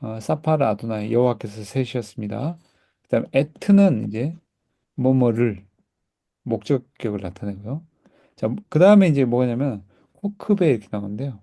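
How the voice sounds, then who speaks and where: A man's voice: medium pitch, expressive, moderate pace, vocal fry, warm tone. A man teaching a Hebrew class, patiently explaining and repeating words for students to echo. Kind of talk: classroom language lesson. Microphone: recorded class, whiteboard teaching.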